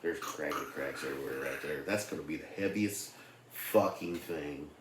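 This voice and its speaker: Loud swearing man, echoey room. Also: a bass voice, normal speed, recorded from a distance. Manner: loud, animated, heavy swearing. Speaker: machinist telling work stories. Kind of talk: casual profane chat. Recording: echoey room with faint noise.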